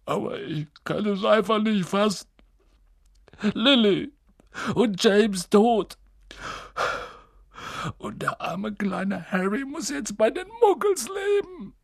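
Hagrid, a man doing a huge gruff giant. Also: low-pitched, animated, normal speed, a bit bright, dry recording, studio quality, pitched below the performer's own voice, exaggerated voice. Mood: sobbing.

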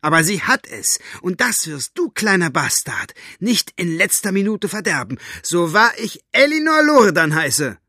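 A man voicing a fierce, sharp-tongued older woman who is scornful and defiant. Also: medium pitch, expressive, normal speed, dry recording, studio quality, pitched above the performer's own voice.

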